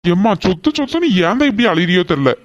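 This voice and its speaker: Woman doing a calm reasoning cartoon father. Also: lowish voice, fast. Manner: reasoning, gently firm. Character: calm, fair-minded middle-aged father.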